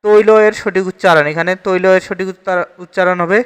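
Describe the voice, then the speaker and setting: A man's voice: high voice, fairly even intonation, a little fast, fairly bright tone, clean tone, in a large hall. A man with a Bangladeshi Bengali accent teaching an exam-prep grammar lesson, steadily reading each question and repeating the answer.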